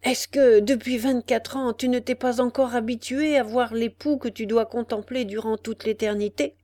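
Woman voicing a hoarse mocking demon man. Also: a little high, fairly even intonation, moderate pace, dark tone, no room sound, natural voice. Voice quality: hoarse, muffled. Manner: mocking and menacing.

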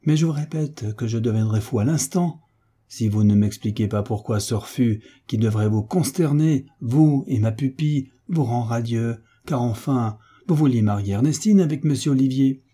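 A man's voice: mid-range voice, moderate pace, dark tone, husky, lightly acted. A man voicing an exasperated, blustering old baron in an audiobook, complaining frantically and crying out in disbelief.

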